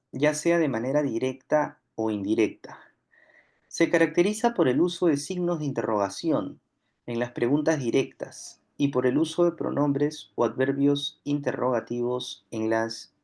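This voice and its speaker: A man with a Peruvian accent teaching a grammar lesson, patiently repeating examples and often pausing with fillers. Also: medium pitch, a little mellow. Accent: Peruvian Spanish. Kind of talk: grammar lesson explaining on screen.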